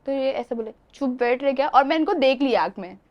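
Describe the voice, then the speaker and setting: A high-voiced young woman chats as a guest in a casual interview. She tells her stories with lots of energy and laughs often as she goes. The recording sounds a little dull and muffled. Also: brisk. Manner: animated, laughs often while telling stories.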